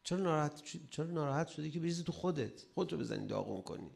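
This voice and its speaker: A man delivering a religious sermon. He asks rhetorical questions and adds playful humor, swinging between loud emphasis and soft asides. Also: on the high side, expressive, vocal fry. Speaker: preacher.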